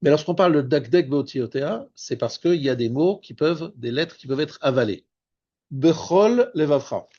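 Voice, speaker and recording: A man, a rabbi, teaching a spoken Torah lesson, explaining patiently and slowing down on Hebrew terms. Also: medium pitch, darkish tone, slightly rough, dull audio. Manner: explanatory, repeats and restarts words, stresses Hebrew terms slowly.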